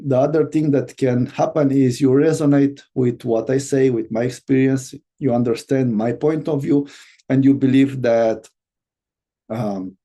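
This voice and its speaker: With a warm, medium-pitched voice, a Romanian business coach with a Romanian accent leads an online course. His speech stumbles along, full of fillers and restarts.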